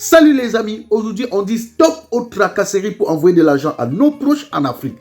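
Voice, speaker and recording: Host, male, mellow and lively sponsor read, spells out a promo code, faint music underneath. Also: high voice, a little fast. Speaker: channel host reading a sponsor ad.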